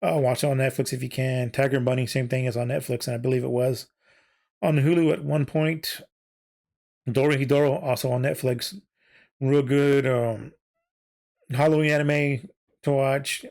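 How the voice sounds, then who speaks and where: A man's voice: mid-range voice, fairly even intonation, normal speed, gravelly, pauses often, darkish tone. A man hosting a casual solo podcast, rambling with many fillers and self-corrections while he is losing his voice. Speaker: podcast host and VTuber.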